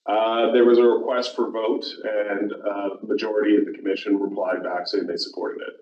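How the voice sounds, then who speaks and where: A man's voice: on the low side, flat delivery. A man chairing a public commission meeting, talking informally and correcting himself as he goes. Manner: informal, halting, self-correcting. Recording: roomy, distant, dull council room audio.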